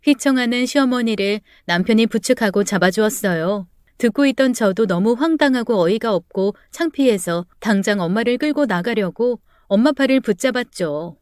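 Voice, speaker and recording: Woman narrator for a true-story read, bright clear voice, dry close mic. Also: a little high, normal speed, few pauses, no echo. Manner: steady, plain storytelling tone.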